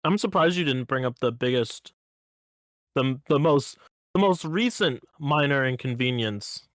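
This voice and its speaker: A man's voice: mid-range voice, animated, no room sound. Easygoing podcast co-host man, dry sound. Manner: easygoing storytelling, teasing, halting restarts. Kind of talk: casual chat.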